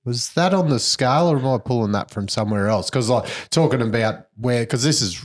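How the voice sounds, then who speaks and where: A man with an Australian accent hosts a podcast, running through the news in casual chat. His medium-pitched voice moves a little fast, and his manner is laid-back, blokey and full of slang.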